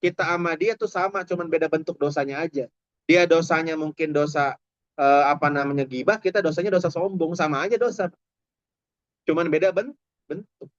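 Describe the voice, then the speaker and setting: A man's voice: on the high side, brisk, no room sound. A man preaching a humorous, chatty sermon, speaking straight to the audience. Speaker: Islamic preacher. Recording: dull, dry lo-fi recording.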